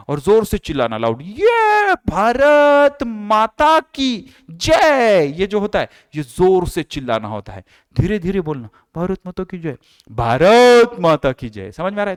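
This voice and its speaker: Clear-voiced male teacher, repeating phrases. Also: fairly high pitch, no echo, studio quality. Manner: repeats key phrases, asks and answers his own questions. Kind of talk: classroom lecture.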